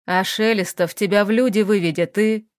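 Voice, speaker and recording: A woman's voice: medium pitch, steady tone, normal speed, no room sound, clean studio sound, natural voice. A woman reading an audiobook, voicing a blunt, coarse, pushy man in an offhand manner. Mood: persuading.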